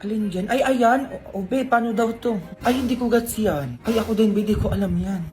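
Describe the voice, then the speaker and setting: A woman's voice: fairly high pitch, a little fast, a little mellow. A woman acting out playful comedy skits with lots of exclamations, over background music. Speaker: skit creator playing several parts. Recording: music playing underneath.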